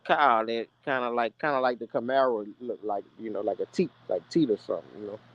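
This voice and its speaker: A man in a casual car chat, easygoing and halting, often restarting his words. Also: mid-range voice, no echo, highs cut off.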